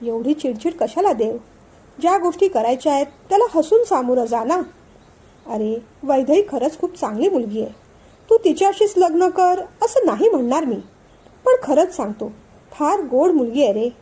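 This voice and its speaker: A woman voicing a playful young man in a storybook reading, gently teasing and calming his friend. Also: high-pitched, moderate pace. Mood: coaxing. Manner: playful, soothing, laughing. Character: cheerful teasing male friend, coaxing.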